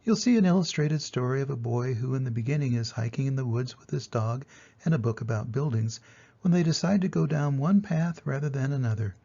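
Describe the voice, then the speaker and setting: With a mid-range, creaky and gravelly voice carrying a husky grain, an older man tells stories to his young grandchildren in a plain, direct way, reading and explaining as he goes. He speaks briskly with a mellow, soft-edged delivery, and the audio's highs are cut off.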